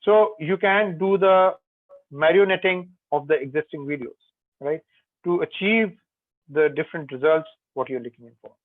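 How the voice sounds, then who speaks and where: A man delivers a webinar lecture in a slightly high voice. He explains things step by step, pausing often on "uh" and "you know". The call audio is dry and tinny, like a phone line. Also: dry recording. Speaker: guest speaker on technology. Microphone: video call.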